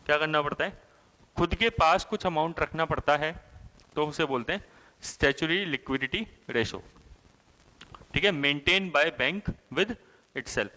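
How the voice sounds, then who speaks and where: A man's voice: on the high side, sharp tone. Man teaching an exam-prep class in a reverberant room. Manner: asks questions and answers them himself; explanatory, with frequent "thik hai" and "hai na" checks.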